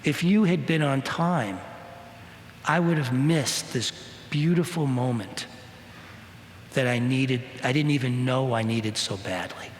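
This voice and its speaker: A male minister giving a spiritual talk, telling a personal story in an animated way and acting out the voices of the people in it. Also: mid-range voice, unhurried, pauses often, a little hiss or hum. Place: church hall. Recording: echoey hall.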